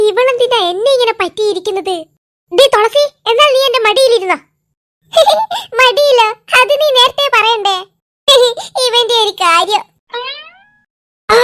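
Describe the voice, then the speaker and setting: A voice actor playing a crowd of young cartoon schoolkids who chatter and squabble back and forth in a lively animated comedy. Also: extremely high pitch, full character voice. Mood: bickering. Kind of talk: cartoon voice acting.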